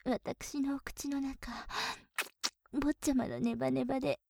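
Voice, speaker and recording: A young woman plays a playful young maid who teases her master in a polite, coaxing voice, in a whispered role-play. Her voice sits a little high but sounds mellow and warm, with soft breathy giggles. It is recorded close up and dry, with no room sound. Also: fairly even intonation, a little slow, no room sound, exaggerated voice. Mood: teasing.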